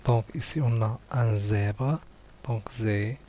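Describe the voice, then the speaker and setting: A man teaching young pupils, going slowly through a worksheet, repeating each word and praising answers. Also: on the low side, mellow, a little hiss or hum. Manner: slow, patient, repeats words and praises answers.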